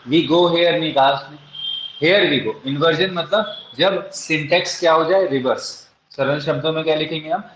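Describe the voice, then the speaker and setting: A man's voice: fairly high pitch, fairly bright tone, a little hiss or hum. A man teaching English literature for an exam, asking rhetorical questions and answering them himself, with an Indian English accent. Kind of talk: exam-prep lecture. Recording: echoey, dull lo-fi room sound.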